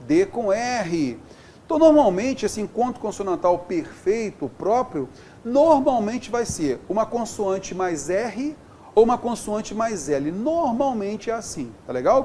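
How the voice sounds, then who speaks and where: A man's voice: high-pitched, slight background noise. A man teaching a Portuguese grammar lesson with a Brazilian accent, explaining step by step and checking in often with the class. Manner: lively, keeps checking in with "beleza?" and "tá?".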